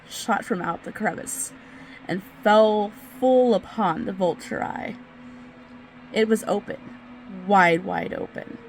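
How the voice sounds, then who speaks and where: A woman's voice: mid-range voice, a little hiss or hum, lightly acted, poor audio. A woman playing a crazed, nervous murderer in a theatrical, hammy stage reading of a gothic horror story, drawing out words with obsessive intensity. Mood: stealthy, furious.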